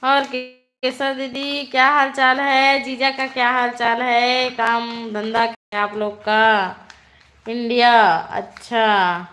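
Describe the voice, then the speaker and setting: Lady chatting on her live stream, talks kinda slow, asks everyone where they're from, a bit high pitched. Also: level tone, sharp tone. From Chhattisgarh, India. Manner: greets viewers by name and asks where they are from. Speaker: live-stream vlogger host. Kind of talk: casual live chat.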